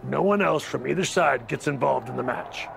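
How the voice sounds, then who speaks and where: An actor delivers a game cutscene as a scheming wrestling faction leader full of condescension, using a stern, gravelly, measured voice. The male voice is mid-range, set against a noisy background. He sounds calm and persuasive.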